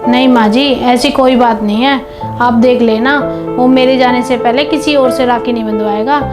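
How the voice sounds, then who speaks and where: A woman's voice: fairly high pitch, steady tone, normal speed, lightly acted. A woman playing a young, newly married daughter-in-law in a family drama. She talks to her mother-in-law in an earnest, chatty way. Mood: eager. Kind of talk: scripted home video family drama. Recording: background music under dialogue.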